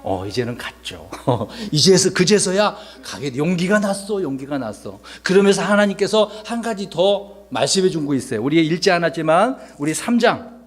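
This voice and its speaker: A male pastor preaches to children in a high, husky voice. His pitch swings widely as he teases them and quizzes them on the story, keeping the talk playful and animated. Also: normal speed. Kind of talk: children's sermon.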